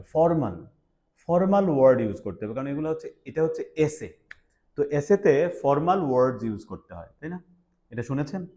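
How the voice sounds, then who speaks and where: A man's voice: mid-range voice, warm tone. A young man teaching an English class, quizzing his students and mixing English words into his explanations. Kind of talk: classroom lecture.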